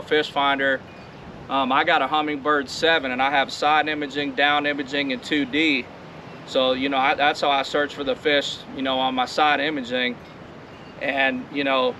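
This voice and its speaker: A man's voice: mid-range voice, sharp tone, distant mic. A middle-aged American man giving a casual, colloquial outdoor fishing demonstration, often saying "you know". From northern United States. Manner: laid-back, colloquial, repeats "you know". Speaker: angler demonstrating techniques. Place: outdoors in wind. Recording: windy outdoor recording with noise. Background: wind.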